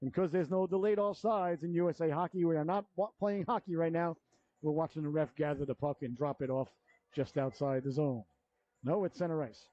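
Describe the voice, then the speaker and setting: High-pitched male hockey announcer, echoey sound. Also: a little fast, highs cut off. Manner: folksy, excitable on plays, colourful slang. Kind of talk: live hockey announcer commentary.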